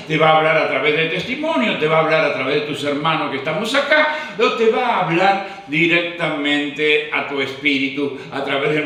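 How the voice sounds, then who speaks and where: A man's voice: a little high, bright, forceful tone. A man, preaching a sermon as pastor with a fervent, repetitive cadence. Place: church hall. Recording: echoey hall, distant mic.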